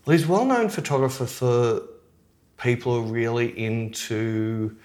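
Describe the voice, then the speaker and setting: A man's voice: medium pitch, moderate pace, a little mellow. Rambling, opinionated man. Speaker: podcast co-host. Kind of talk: casual chat.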